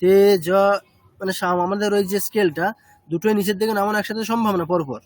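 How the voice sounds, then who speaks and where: Man, high voice, chanting teacher, patient step-by-step explaining, dry close sound. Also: racing, no echo. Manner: explains step by step, checking understanding with short questions.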